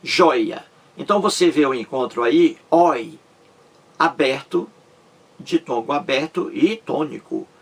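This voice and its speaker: Male grammar teacher, slow, patient and repetitive, slightly husky. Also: medium pitch, expressive. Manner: slow and repetitive, stresses syllables, asks "entendeu?". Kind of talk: explanatory lesson.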